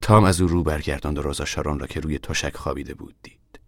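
A man giving scripted narration for a radio drama in a measured, steady way. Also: extremely low pitch, creaky, no echo, studio quality.

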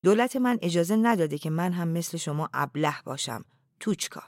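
A reader voicing a blunt, cold Russian commander who scolds and shouts in a storybook reading. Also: mid-range voice, lively intonation, no room sound, clean studio sound, close to an everyday voice. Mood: scornful. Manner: stern, clipped, rising to a shout.

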